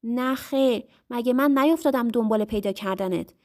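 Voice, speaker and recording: A woman's voice: on the high side, a little mellow, close to an everyday voice. A woman voicing a cocky, teasing young husband in a told story. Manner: teasing, mocking.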